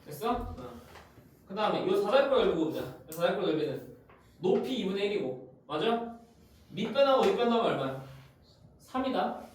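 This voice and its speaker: A man's voice: sits high, very animated. A man teaching math in a classroom, walking through graphs on the board and checking again and again that students follow. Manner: constantly checks students' understanding, brisk and informal. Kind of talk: classroom lecture. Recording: very echoey room, far from the mic, faint noise.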